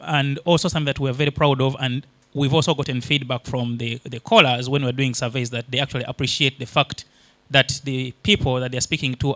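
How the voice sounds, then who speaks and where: A Ugandan man whose first language is Luganda presents at a conference, explaining things step by step with many fillers and restarts. His mid-range voice is a bit bright, with no room sound.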